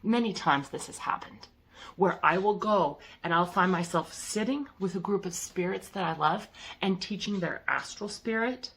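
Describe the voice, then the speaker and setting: A woman casually recounting a personal spiritual experience to her viewers, rambling and halting with lots of fillers. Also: medium pitch, fairly bright tone. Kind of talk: casual first-person storytelling.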